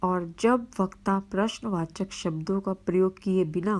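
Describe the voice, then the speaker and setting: Slow, careful woman teacher. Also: mid-range voice, darkish tone. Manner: slow, careful explanation with spoken examples. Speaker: school teacher. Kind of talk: virtual classroom lesson.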